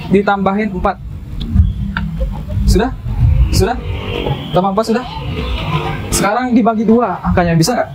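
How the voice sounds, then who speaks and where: A man's voice: sits high, rough recording. A man in his twenties chatting and explaining as a street interviewer, recorded outdoors by a road. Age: 20s. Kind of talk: casual street chat.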